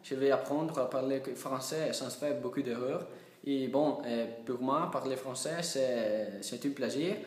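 A young man, a native Italian speaker with an Italian accent, speaking halting broken French with learner's errors in a casual vlog to camera. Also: medium pitch. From Italy. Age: young adult. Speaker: language learner making a video. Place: small indoor office. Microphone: phone at arm's length. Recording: echoey room sound.

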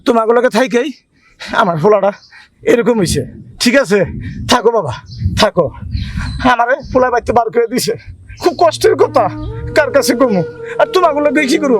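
Guy playing a heartbroken old dad, pleading and high voice. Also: lively intonation, normal speed, long pauses. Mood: reproachful. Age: older. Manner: pleading, reproachful. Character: grieving elderly father scolding his son's friends. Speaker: actor. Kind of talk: television drama acting.

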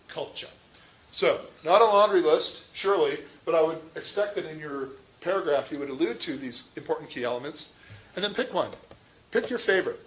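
A man's voice: a little high, low-quality recording. Emphatic man lecturing on history. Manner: emphatic, rhetorical questions, uneven pace. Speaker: history teacher.

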